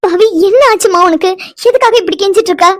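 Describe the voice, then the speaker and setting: A caring, motherly woman in a cartoon story, voiced by a woman, gentle yet firm and affectionate. Her voice is very high and her speech quick. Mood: tender. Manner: soothing, affectionate. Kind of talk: cartoon voice acting.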